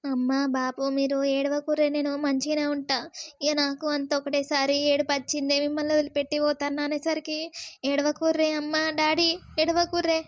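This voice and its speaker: A woman's voice: sits high, flat delivery, fairly quick, dry recording, studio quality, lightly acted. A woman voicing a tearful young bride in a cartoon, speaking with a Telangana accent and a pleading tone. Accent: Telangana Telugu. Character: tearful young bride leaving her parents' home. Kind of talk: cartoon voice acting.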